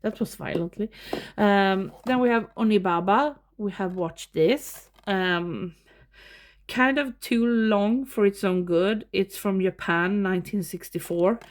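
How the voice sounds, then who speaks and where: A Swedish woman with a Swedish accent chats casually in English in a vlog, showing off the shelves of movies in her home collection. Her mid-range voice is slow, and she laughs often between remarks.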